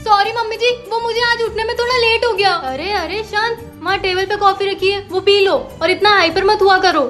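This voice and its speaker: Young woman, very high voice, playful skit acting, music behind. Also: steady tone, fairly quick. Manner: playful, switches between characters. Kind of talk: comedy skit role-play. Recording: background music.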